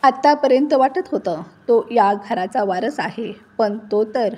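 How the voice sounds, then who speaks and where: A stern older father-in-law from a storybook, firm and commanding with a protective heart, read by a woman. He speaks with steady authority, his voice set a little high. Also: measured pace.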